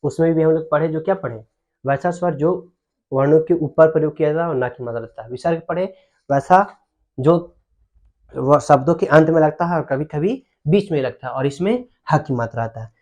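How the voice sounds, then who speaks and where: A man's voice: a little high, darkish tone. A young man teaching a Hindi grammar lesson, explaining patiently and often checking whether the students follow. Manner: explains slowly, checks understanding with repeated questions.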